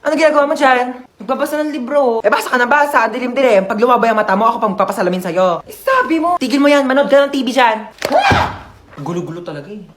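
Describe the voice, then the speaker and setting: A woman's voice: fairly high pitch, fast, hardly any pauses, a little hiss or hum. A woman performing comedy skits in a bickering, scolding manner. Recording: music playing behind.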